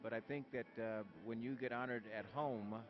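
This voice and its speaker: A man's voice: mid-range voice, fairly even intonation, normal speed. A man answering interview questions at an event, hesitant with many fillers. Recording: muffled lo-fi video sound.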